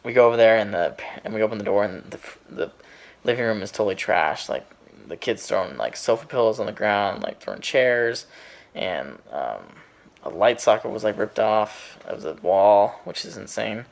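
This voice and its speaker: A man's voice: on the low side, lively intonation, moderate pace, creaky. Rambling young man telling a story. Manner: rambling, full of fillers and restarts. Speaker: vlogger. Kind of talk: casual storytelling to camera.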